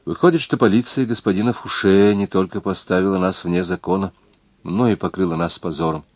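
A man's voice: low voice, a little fast, no room sound. A man reading a novel aloud, voicing a proud young noble outlaw who pleads earnestly with the woman he loves. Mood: indignant.

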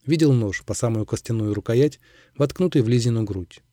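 A man narrating an audiobook in a calm, measured storytelling manner. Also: medium pitch, no room sound, studio quality.

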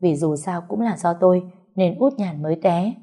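A woman's voice: fairly low pitch, moderate pace, dark tone. A woman narrating a dramatic first-person family story, acting out the quarrels in heated bursts.

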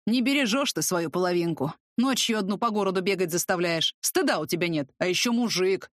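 A woman reading an audiobook, voicing a gruff, bossy middle-aged police officer who barks orders and lectures. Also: on the low side, expressive, brisk, no echo, clean studio sound. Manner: barking, commanding, fatherly lecturing. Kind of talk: audiobook character voice.

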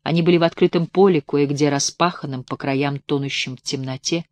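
A woman reading a literary audiobook in a measured, even narrating style. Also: sits low, no room sound. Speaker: audiobook reader.

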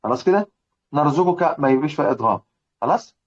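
Quick and expressive, a fairly high-pitched man with an Egyptian accent leads a religious lesson on a poem covering recitation rules, though the recording is muffled. He keeps firing rhetorical questions at his students to drill them.

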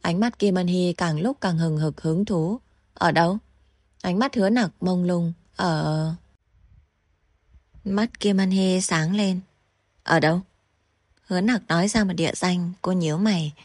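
A woman with a low voice narrates a novel in an even, steady manner. The recording is dry and close, with no room around it. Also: moderate pace, few pauses, no echo. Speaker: audiobook narrator.

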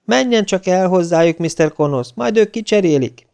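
A man voicing a calm, soothing female switchboard operator at a bank. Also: high voice, creaky, smooth, pitched above the performer's own voice.

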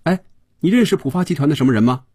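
A man's voice: on the high side, lively intonation, a little mellow, breathy edge, no room sound, clean studio sound, voice pushed up. A man voicing a playful young female office worker who teases her boss. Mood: teasing. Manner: teasing, quick, pouty.

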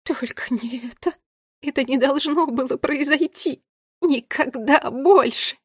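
A woman's voice: on the high side, moderate pace, slightly rough, no echo, clean studio sound. A woman reading aloud and voicing the queen of small magical creatures, with a trembling, tearful voice. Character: grieving queen of the Knix creatures.

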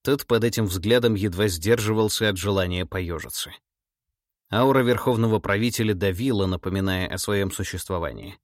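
A man narrating an audiobook in a calm, even storytelling delivery. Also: on the low side, normal speed, no echo, clean studio sound. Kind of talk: scripted narration.

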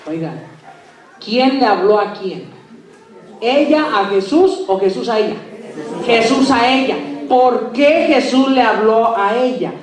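A man's voice: very high-pitched, lively intonation, takes it slowly, recorded from a distance. Male preacher ringing through an echoey hall. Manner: swings between soft asides and loud emphatic preaching, asks the audience questions.

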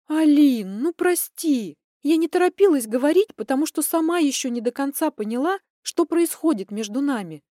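A woman reading an audiobook voices a flustered young heroine who pleads in a high, agitated voice. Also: lively intonation, moderate pace, few pauses, mellow, no echo, clean studio sound. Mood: pleading.

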